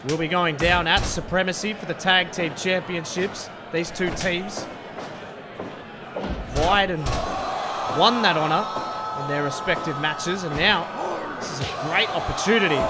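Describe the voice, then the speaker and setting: A man giving excitable, shouted play-by-play wrestling commentary. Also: high-pitched. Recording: loud game crowd and arena noise behind.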